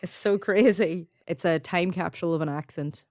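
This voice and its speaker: Low-voiced Donegal Irish woman, dry sound. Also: normal speed, a little mellow, no room sound. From Donegal, Ireland. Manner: chatty, laughs often, frequent "like" fillers. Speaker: podcast co-host. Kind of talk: casual chat.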